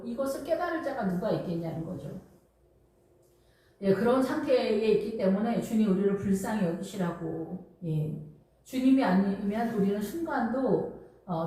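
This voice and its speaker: A woman's voice: fairly high pitch, dark tone. A woman pastor preaching a sermon, acting out pleading cries and a string of questions. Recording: very echoey room, voice from a distance.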